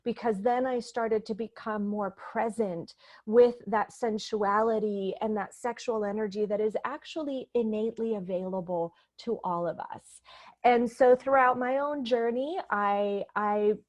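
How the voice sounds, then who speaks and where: A woman's voice: medium pitch, a little slow, highs cut off. A woman from Puerto Rico, a coach and speaker, telling her story in an earnest, reflective way during a stage interview. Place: convention expo venue.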